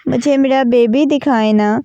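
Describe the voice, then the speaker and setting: A woman's voice: high voice, warm tone, no echo, dull audio. A woman voicing a young new mother who keeps pleading tearfully in a storybook reading. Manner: pleading, insistent.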